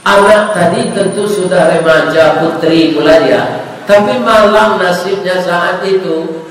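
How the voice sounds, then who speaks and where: Male preacher, Minangkabau-tinged Indonesian accent, slow unhurried delivery, heard from a distance, long hall reverb. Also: high-pitched. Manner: humorous, drops softly into quoted prayers. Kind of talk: sermon storytelling. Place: mosque gathering. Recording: echoey hall, distant mic, faint noise.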